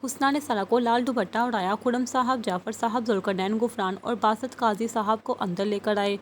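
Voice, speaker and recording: A woman with a somewhat high voice narrates a novel for an audiobook. She reads all the characters' dialogue in her own voice rather than putting on new ones. A faint hiss sits under the recording.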